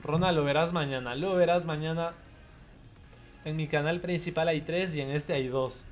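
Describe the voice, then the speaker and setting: A young man streaming a football video game live, chatty and excitable, greeting viewers by name as he plays. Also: a little high, moderate pace, faint music behind. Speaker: gaming streamer. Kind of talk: live gameplay commentary with chat shout-outs.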